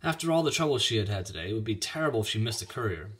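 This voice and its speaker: A man reading a chapter book aloud with lively, expressive delivery. His voice sits fairly low yet sounds bright, and the pitch moves a lot across each sentence. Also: rapid-fire. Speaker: reader. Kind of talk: storybook read-aloud.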